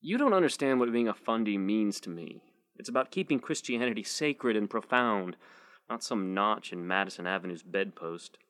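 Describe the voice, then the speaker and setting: A man's voice: on the low side, animated, moderate pace, a bit bright. A man reading a story, voicing an earnest young male activist who lectures his girlfriend.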